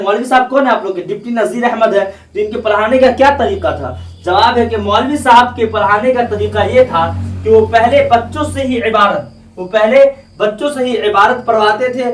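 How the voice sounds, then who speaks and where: A man teaching as an Urdu teacher, explaining exam answers and restating each line in simpler words. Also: high voice. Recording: roomy, from a distance.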